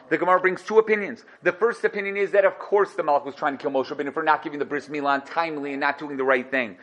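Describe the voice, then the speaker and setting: A man with teaching a religious class as a rabbi, emphatic and animated, repeating phrases and posing rhetorical questions. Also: fairly high pitch. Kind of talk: animated religious lecture with Hebrew terms.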